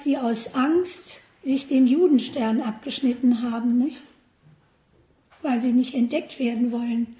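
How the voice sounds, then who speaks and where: A woman's voice: high-pitched, warm tone, reverberant. A woman preaching a sermon, often asking the congregation questions.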